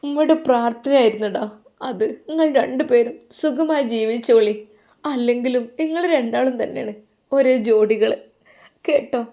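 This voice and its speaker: A woman's voice: on the high side, normal speed, dark tone, close to an everyday voice. A woman voicing a doting older mother who coos affectionately.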